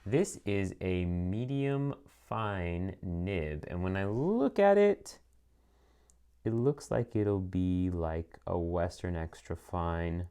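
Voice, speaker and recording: A man with a very low voice talks his way through an unboxing at an easy, chatty pace. He fills pauses with ums and throws in dry, sarcastic asides. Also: lively intonation, dark tone, clear, resonant tone. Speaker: pen reviewer. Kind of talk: casual unboxing review.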